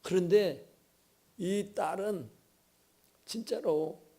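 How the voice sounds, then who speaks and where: A man preaching a sermon in a church, telling a story with sudden swings between loud bursts and hushed asides. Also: high-pitched, extremely slow, slightly rough. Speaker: pastor. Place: church sanctuary.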